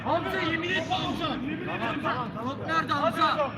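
A man on the pitch protesting and arguing with other players over a call, heard from a distance. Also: unhurried. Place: outdoor pitch. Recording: distant voice over crowd noise.

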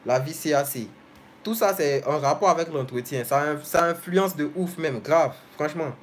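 A young man chats casually on a live stream, reading out viewers' messages and replying to each person by name in a friendly, direct way. His voice sits a little higher than most men's, and a faint hiss of noise runs underneath. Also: normal speed. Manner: reads comments aloud then answers them directly and familiarly. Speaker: host of a live stream answering viewer comments.

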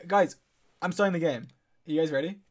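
A man's voice: a little high, a little fast. A man streaming a drawing game, reading out and thanking donations in casual, upbeat chat. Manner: upbeat, thanks donors warmly, laughs often.

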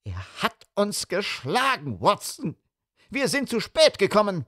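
A man's voice: medium pitch, sing-song, a little slow, no echo, studio quality. A man voicing an intense, commanding male detective in an audiobook, with a grave, urgent delivery. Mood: furious. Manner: grave, urgent, hushed to shouting. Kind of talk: audiobook character reading.

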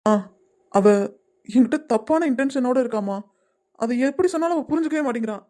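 A woman plays an earnest young son in a cartoon series who begs his mother to drop a matter. He talks in a high, quick voice that keeps pressing his case. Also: animated, mellow. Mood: pleading. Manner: earnest, pleading. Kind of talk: animated web series voice acting.

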